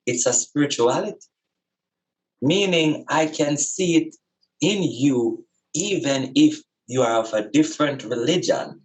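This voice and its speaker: In a low-quality recording, a medium-pitched man with a Jamaican accent gives a reflective spiritual talk. He preaches emphatically, repeating phrases and posing rhetorical questions.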